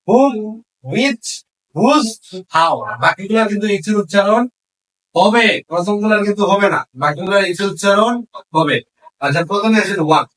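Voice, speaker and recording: A man's voice: high-pitched, fairly bright tone, recorded from a distance, rough recording. A man teaching a class how to form English questions, switching between Bengali and English and quizzing his students. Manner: asks the class questions and repeats answers.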